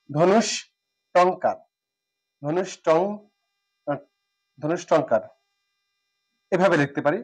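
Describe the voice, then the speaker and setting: A man teaching spelling rules who speaks, repeats words, pauses with fillers and asks and answers his own questions. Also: fairly high pitch. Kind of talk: classroom lesson.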